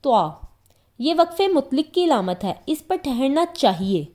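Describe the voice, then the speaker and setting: A Quran teacher with a Pakistani Urdu accent gives an explanatory lesson, patiently restating each point in simpler words. Her high voice has a sing-song lilt and a dark tone.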